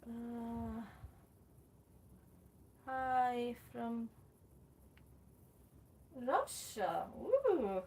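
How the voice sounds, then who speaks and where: A woman from Sweden hosts a pottery livestream from a warm studio room, chatting in an unhurried way as she greets viewers and answers their comments. Her voice sits a little back from the mic. A faint hum of room ambience stays under her speech. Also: a little high, sing-song, distant mic, low-quality recording. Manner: chatty, reads viewer comments aloud while working clay. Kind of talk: casual livestream chat.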